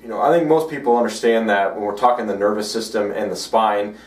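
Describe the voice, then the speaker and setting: A man who works as a chiropractor, giving an educational video blog talk, halting with many fillers. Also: on the low side, roomy sound, far from the mic. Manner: halting, frequent "uh" and "you know" fillers.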